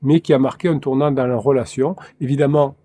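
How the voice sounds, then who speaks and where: A man's voice: mid-range voice, fairly even intonation, a little fast, mellow, breathy edge. A man giving a solo coaching talk on relationships, speaking hesitantly with frequent fillers and restarts.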